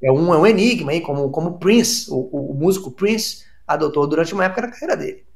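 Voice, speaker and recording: A man hosting a comic sports chat, correcting his co-host in a deadpan, mock-formal way. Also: on the high side, fast talker. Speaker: comedy show host.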